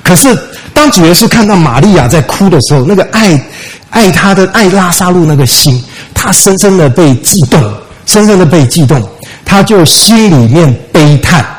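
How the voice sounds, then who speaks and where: A man preaches to his congregation in a fairly high voice. He retells the story with lively rhetorical questions and slips English words into his speech. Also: normal speed, poor audio. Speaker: pastor. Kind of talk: sermon.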